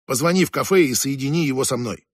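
A man voicing a gruff middle-aged police inspector who talks brusquely and impatiently on the phone in an audiobook. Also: mid-range voice, expressive, fast talker, dry recording, clean studio sound, pitched below the performer's own voice. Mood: commanding. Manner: brusque, impatient, calls the other fool.

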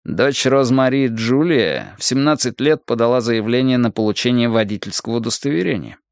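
A man narrating an audiobook in a steady, measured storytelling manner. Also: mid-range voice, vocal fry, no room sound, clean studio sound. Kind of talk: scripted narration.

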